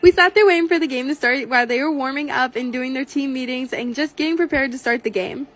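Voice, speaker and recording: A woman's voice: sits high, fast. An eighteen-year-old woman narrating a vlog voice-over in a gushing, upbeat storytelling way. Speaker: vlogger.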